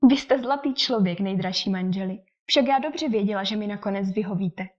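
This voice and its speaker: A woman voicing a fussy, excitable middle-aged mother with fretful nerves in an audiobook. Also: fairly high pitch, natural voice. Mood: gushing. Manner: fretful, indignant, gushing. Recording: dull lo-fi recording.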